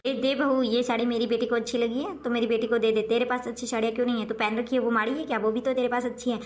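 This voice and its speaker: A woman's voice: on the high side, flat delivery, natural voice. A woman playing a nagging mother-in-law. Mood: demanding. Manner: nagging, quick-talking, coaxing. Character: fussy scolding older mother-in-law, favors daughter. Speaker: mother-in-law in a family skit. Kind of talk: home-made comic family skit.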